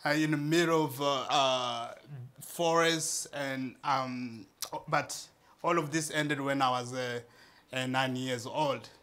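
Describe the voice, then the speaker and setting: A man's voice: medium pitch, steady tone, takes it slowly, a bit bright, clear, resonant tone. A man, giving an earnest speech to a live audience, laughing often and restarting his phrases. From Eastern Democratic Republic of Congo. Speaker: founder of a charity speaking at an event.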